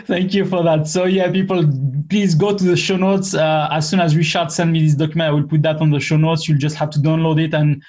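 Higher-voiced man hosting, non-native English. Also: little pitch movement, a little fast, few pauses, darkish tone. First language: not English. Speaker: interview host. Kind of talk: conversational interviewing.

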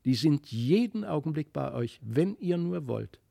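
A gentle, mysterious fairy child from a storybook, coaxing and soft, as a male reader puts it on. The voice sits a little high, with a gravelly edge and a close, dry sound. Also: big pitch swings, a little slow, no echo, full character voice.

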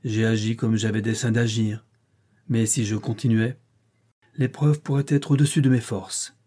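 A man reading the part of a brooding, masterful middle-aged nobleman in an audiobook, measured and teasing. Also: fairly low pitch, level tone, dark tone, close to an everyday voice. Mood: solemn.

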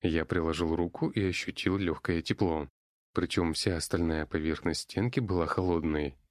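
Deep-voiced man narrating wryly. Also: steady tone, normal speed, no echo, studio quality. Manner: wry, conversational. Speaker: audiobook narrator. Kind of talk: first-person fantasy narration.

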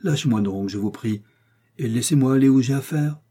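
A man's voice: medium pitch, fairly quick, warm tone, breathy edge, lightly acted. A man reading an audiobook, voicing a hot-headed young male swordsman who speaks with impatience and indignation. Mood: flustered.

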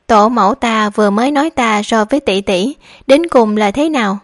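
A woman's voice: fairly high pitch, normal speed, no room sound, studio quality, close to an everyday voice. A woman voicing a proud, hot-tempered young nobleman who speaks in a curt, commanding way. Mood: angry.

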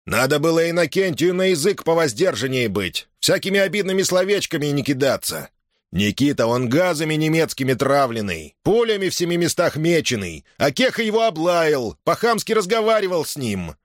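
A man reading an audiobook, voicing an agitated old Cossack man who shouts with a voice breaking with emotion. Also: a little high, big pitch swings, fairly quick, no echo, clean studio sound, voice pushed up. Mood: indignant.

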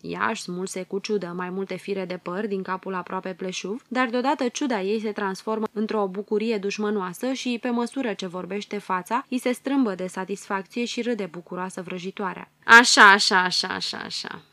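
A woman reading a fairy tale aloud as an audiobook narrator, in an expressive storytelling manner. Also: medium pitch, few pauses, dry recording. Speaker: audiobook reader.

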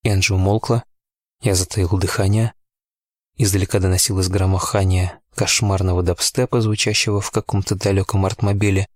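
A man narrating a novel in the first person in a steady, tense storytelling manner. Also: low voice, fairly quick, dry recording. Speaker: audiobook narrator.

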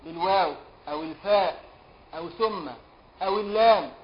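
An Egyptian man, a sheikh giving a classroom lesson on a law text, who chants verses slowly and quizzes his students in colloquial speech. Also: high-pitched. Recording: dull lo-fi lecture recording with faint hiss.

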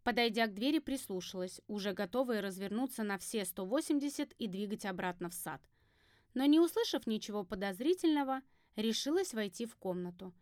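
A woman narrating a fantasy audiobook in first person with a lively, wry storytelling manner. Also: medium pitch, fairly quick, no echo, clean studio sound.

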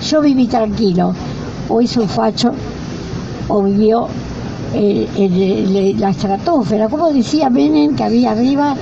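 Gravelly older woman, wry rally host. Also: on the high side, moderate pace, background noise. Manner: wry, adds a bit of humor. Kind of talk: speaking at a weekly outdoor protest. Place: outdoor plaza with a crowd. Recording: dull lo-fi outdoor recording with crowd.

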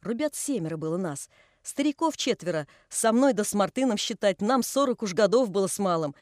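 A woman's voice: medium pitch, animated, a little fast, a little mellow, no room sound, studio quality, lightly acted. A woman voicing a pious old male carpenter who scolds and tells long folksy stories. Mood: reminiscing. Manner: folksy, chiding.

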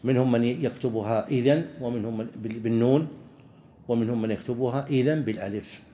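Man, religious teacher, halting explanations, mid-range voice, faint background noise. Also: mid-range voice, mellow. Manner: halting, with frequent restarts and pauses. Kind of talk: explaining a legal text to students.

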